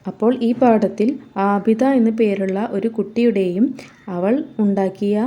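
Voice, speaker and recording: A woman teacher reading a children's story aloud expressively and then explaining it with gentle questions. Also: medium pitch.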